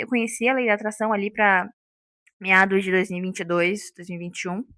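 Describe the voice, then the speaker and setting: A woman's voice: on the high side, a bit bright, dry recording. A woman, talking unscripted to her viewers in a casual vlog and checking in with them often. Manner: chatty, checks in with listeners often. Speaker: vlogger.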